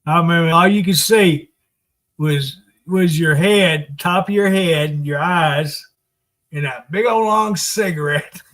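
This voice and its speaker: A man with a Southern US accent hosts a casual live stream. His voice sits a little high for a man and moves in a slow, unhurried drawl. He chats with viewers in a folksy, teasing way. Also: fairly bright tone. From Arkansas, United States.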